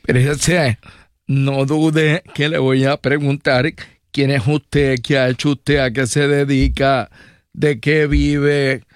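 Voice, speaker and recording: A man's voice: medium pitch, level tone, slow, clear, resonant tone, no echo. A man hosting an interview, asking probing questions formally. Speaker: interview host. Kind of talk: radio interview.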